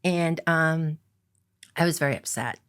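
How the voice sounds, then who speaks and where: Being interviewed, a middle-aged casino executive from Idaho's Coeur d'Alene reservation in the US recounts her story in an earnest, reflective manner, using lots of ums. She speaks unhurriedly in a low, smooth voice with a fairly bright tone.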